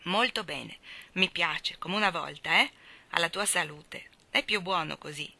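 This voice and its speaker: A woman reading an audiobook, voicing an old-fashioned young husband who speaks in a measured, firm way. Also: on the low side, creaky, sharp tone, exaggerated voice.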